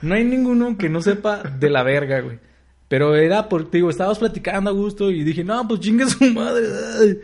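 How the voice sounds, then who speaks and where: A man's voice: sits high, animated, brisk, a little mellow. A young man with a Mexican accent, co-hosting a podcast in casual chat. He is full of slang, laughs often and acts out what people said. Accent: Mexican Spanish. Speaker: podcast co-host.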